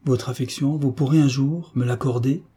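Shy young orphan girl, hesitant, earnest, pleading, higher than the narrator, husky edge, a man voicing her. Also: fairly even intonation, normal speed, warm tone. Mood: timid.

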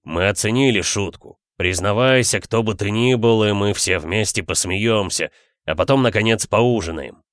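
Impatient aristocrat count, narrator voices him; stern, gruff, low. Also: male voice, moderate pace, no room sound, studio quality, close to an everyday voice.

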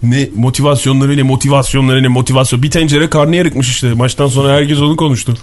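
A man rattles along at a quick clip as he co-hosts morning radio from a studio. He jokes and teases his co-hosts in loose, easy banter, and his pitch sits right in the middle. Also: steady tone. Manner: joking, teasing. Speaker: radio show co-host.

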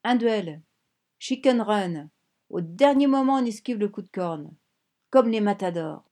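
A woman reading a storybook, voicing a young male gang leader who talks in a crude, taunting falsetto. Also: lively intonation, unhurried, warm tone, close to an everyday voice. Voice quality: shrill falsetto.

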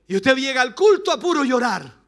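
High-voiced Chilean pastor preaching. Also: male voice, very animated, normal speed. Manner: passionate preaching, rising to shouts. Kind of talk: sermon.

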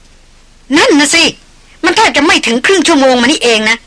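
A worried young man on an expedition, voiced by a woman. He cautions in a raised, bright voice. Audiobook reading. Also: high-pitched, animated, normal speed, voice pushed up. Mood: cautioning.

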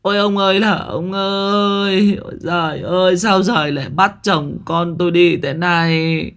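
A man's voice: mid-range voice, sing-song, measured pace, pitched above the performer's own voice. A man voicing a grieving older village widow who wails and keens in a storybook ghost tale. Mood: wailing grief. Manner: wailing, keening cries.

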